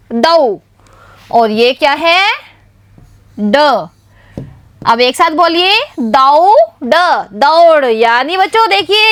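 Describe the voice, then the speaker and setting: A young woman from India teaches a class of small children. Her voice sits very high and she talks slowly, stretching each syllable in a sing-song way so the children can repeat after her. The recording is dry and close. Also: fairly bright tone, no room sound. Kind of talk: primary school lesson for young children.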